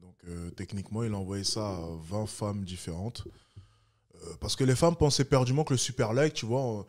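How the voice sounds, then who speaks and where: A man's voice: medium pitch, gravelly, a little mellow. A French man hosting a reaction video, making mocking, sarcastic comments in casual commentary.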